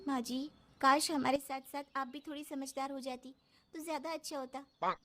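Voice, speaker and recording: A woman's voice: high-pitched, fairly even intonation, moderate pace, close to an everyday voice. A woman voicing a young daughter-in-law who complains politely in a cartoon story. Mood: sarcastic.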